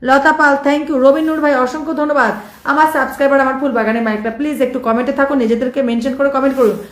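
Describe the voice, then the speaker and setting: A hoarse woman live streaming, reeling off viewer names with quick thanks in casual chat. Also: sits high, steady tone, roomy sound. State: hoarse from shouting.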